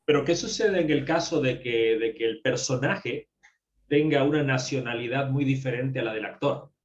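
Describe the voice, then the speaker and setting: A man's voice: medium pitch, moderate pace. A man hosting an interview, asking friendly questions. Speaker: interview host. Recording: echoey, dull lo-fi call audio.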